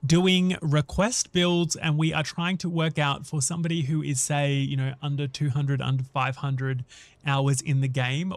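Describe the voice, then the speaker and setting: A man with a slightly high voice talks through his thoughts on a gaming livestream. He addresses viewers casually and conversationally as host. The sound is close and dry, with little room on it. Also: no room sound. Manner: conversational, thinking aloud while addressing viewers. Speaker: live streamer and host.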